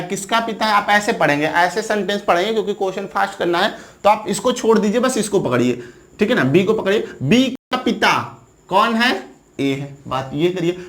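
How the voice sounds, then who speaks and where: A man teaching exam students, asking the viewer questions and answering them, often checking in with "right?". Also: sits high. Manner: repetitive, checks in with "theek hai na" often. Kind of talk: classroom lecture.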